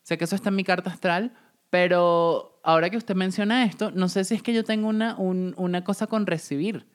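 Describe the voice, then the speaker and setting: Woman, low voice, slangy relaxed co-host chat. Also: brisk. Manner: relaxed, slangy, with lots of agreeing interjections. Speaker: podcast co-host. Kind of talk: casual chat.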